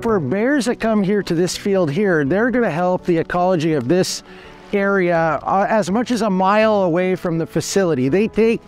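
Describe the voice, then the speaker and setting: Standing by a creek, a man in his forties who manages a fish hatchery explains it on tour, earnest and matter-of-fact with frequent restarts. He talks at a moderate pace in a high voice while soft music plays in the background.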